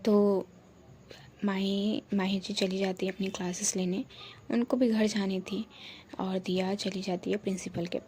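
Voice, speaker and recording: Female storyteller, casual and chatty narration, mellow tone. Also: mid-range voice, little pitch movement, unhurried, slight background noise. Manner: chatty, repetitive framing of who says what.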